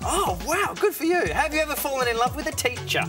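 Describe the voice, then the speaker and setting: A man hosting a TV talk show, teasing his guest with quick jokes. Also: extremely high pitch, animated. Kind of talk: joking talk-show interview. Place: TV studio with audience. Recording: studio audience and music.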